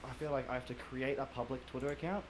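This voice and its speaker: A man's voice: mid-range voice, steady tone, fast. A man, a guest player on an esports podcast, talking in a rambling, self-conscious way. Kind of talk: casual esports podcast chat.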